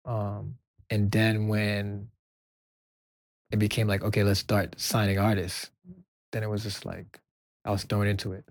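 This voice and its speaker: A soft-spoken man from Brooklyn tells a long story in a sit-down interview. His voice sits a little low, and it is recorded close and dry with no room around it. He keeps acting out the other people's lines as he quotes them. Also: little pitch movement, measured pace, long pauses, dry recording. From Brooklyn, New York. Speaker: music executive guest.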